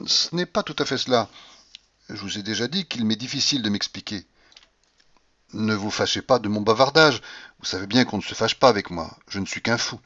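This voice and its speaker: A man's voice: on the low side, a bit bright, dry recording, muffled recording. A man giving a dramatic, impassioned reading of a classic novel in the first person, with a feverish delivery. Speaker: audiobook reader.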